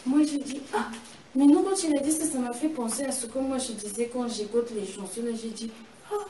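A woman's voice: fairly high pitch, a little fast, mellow. A woman giving a personal testimony in conversation, telling her story vividly and acting out what happened. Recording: echoey and distant with noise.

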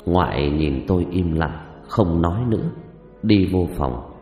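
A man narrating a first-person ghost story in an expressive, dramatic way, with roomy reverb and music behind. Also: low voice, a little slow.

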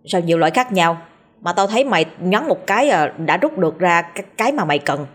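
Brief: woman playing mouthy cowardly young guy, quick and whiny, husky edge. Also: fairly low pitch, animated. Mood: complaining. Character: brash chatty cowardly young man sidekick.

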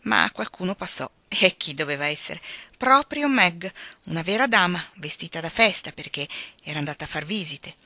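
Woman reading a classic novel aloud, lowish bright voice, dry close sound. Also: expressive, moderate pace, no room sound. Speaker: audiobook reader. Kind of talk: literary audiobook narration.

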